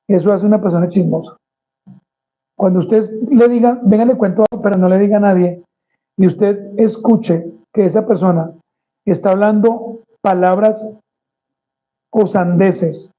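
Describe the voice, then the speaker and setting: A man's voice: high voice, warm tone, highs cut off. A male pastor delivering a conversational sermon, addressing the congregation as brothers and acting out small quoted exchanges.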